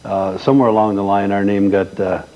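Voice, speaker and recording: An older man reminiscing in a relaxed chat as a guest, telling stories with many pauses and fillers. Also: fairly low pitch, lo-fi sound. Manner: folksy storyteller, halting with many fillers. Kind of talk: casual reminiscing.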